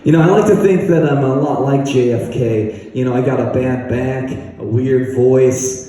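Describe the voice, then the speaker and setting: A man doing a stand-up set at an open mic, rambling and deadpan, jumping high in pitch for punchlines. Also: moderate pace, heavy reverb, in a large hall, recorded from a distance, low-quality recording. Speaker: stand-up comedian. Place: comedy bar open mic.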